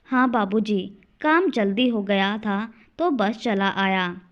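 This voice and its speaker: Woman voicing a loving young son, warm greeting tone, mid pitch, muffled lo-fi recording. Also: takes it slowly, close to an everyday voice. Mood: affectionate. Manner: warm toward his parents, firm.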